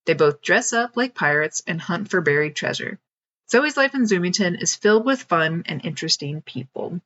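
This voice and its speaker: A woman reading her own children's book aloud in a steady, clear voice. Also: fairly low pitch, normal speed, highs cut off. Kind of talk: storybook read-aloud narration.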